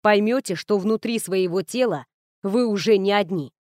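A woman reading an audiobook, voicing a composed young male noble master in a level, steady tone. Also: medium pitch, normal speed, no room sound, clean studio sound, natural voice. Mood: instructive. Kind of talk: audiobook character voice.

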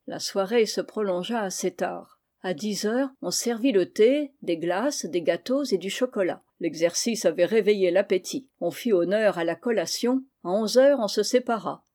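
A woman narrating a classic novel as an audiobook, with measured, clear phrasing. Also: medium pitch, mellow. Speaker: audiobook reader.

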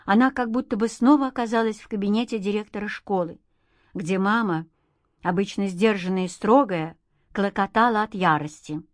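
A woman reading a novel as an audiobook narrator, steady and expressive, recorded on a close studio mic. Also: medium pitch, normal speed, no room sound.

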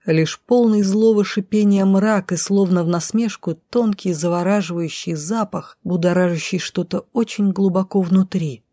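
Woman audiobook narrator, expressive first-person reading, mellow voice, dry close sound. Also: mid-range voice, normal speed, hardly any pauses, no room sound.

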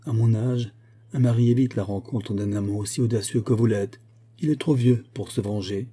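A man voicing a stern, commanding older husband in an audiobook reading, measured and cold. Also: fairly low pitch, steady tone, dark tone, husky. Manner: impérieux, measured.

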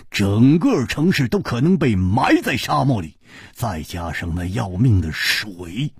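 A male storyteller voicing a boisterous, hot-tempered swordsman who talks loudly and scolds his friend. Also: fairly low pitch, husky, no echo, clean studio sound, heavily acted. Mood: warning. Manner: loud, blustering, scolding.

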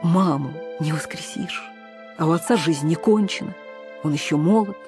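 A woman's voice: deep voice, normal speed, darkish tone, faint music behind, natural voice. A woman voicing a tired young man lecturing his younger sister in an audiobook reading. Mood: weary. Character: weary young man, the patronizing older brother.

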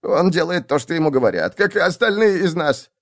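A man voicing a frightened male cultist agitator who whimpers and pleads in a high, panicked squeak. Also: expressive, fairly quick, natural voice. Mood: terrified, pleading.

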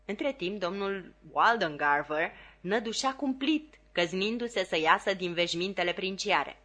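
A woman narrating a novel as an audiobook reader, in calm, steady scripted narration. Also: mid-range voice.

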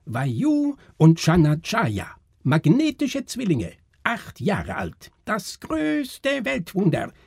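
A man voicing a brash female fairground barker who shrieks her announcements slowly in a strange dialect. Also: high-pitched, huge pitch swings, gravelly, a little mellow, breathy edge, no room sound, clean studio sound, voice pushed up, exaggerated voice. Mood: shrill announcing. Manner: shrieking, drawn-out, foreign dialect.

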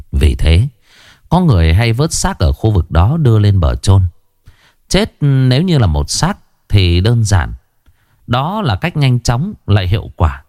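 A man narrating a crime story in an expressive storytelling manner. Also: fairly low pitch, dry recording, clean studio sound. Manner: expressive, animated delivery.

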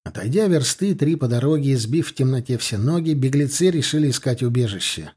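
A man narrating an audiobook in a measured storytelling manner. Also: mid-range voice, expressive, a little mellow, husky. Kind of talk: scripted narration.

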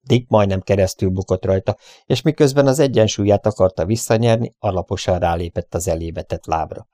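A man reads an adventure novel aloud in an even, storytelling way. His voice sits low, and the recording is dry and close with no room sound. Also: dry recording. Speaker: audiobook narrator. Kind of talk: scripted narration.

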